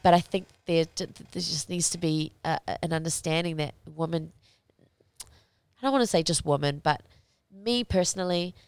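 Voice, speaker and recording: A young woman fighter speaking as an interview guest, talking candidly in a halting, reflective way as she searches for words. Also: lowish voice, clean tone, dry recording.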